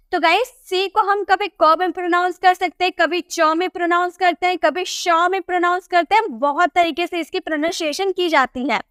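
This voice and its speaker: A woman with a Hindi accent and a very high, light voice teaches a pronunciation class. She repeats herself and answers her own questions, and the recording is dry and close with no room sound. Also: fairly bright tone, dry recording. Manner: repetitive, asks questions and answers them herself. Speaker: English teacher. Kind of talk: pronunciation lesson explaining rules.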